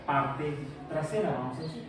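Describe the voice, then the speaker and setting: A man's voice: on the high side, lively intonation, normal speed, crowd noise. A male science teacher giving a classroom physics lecture, explaining step by step with restarts and checks. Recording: echoey classroom from far off, noisy.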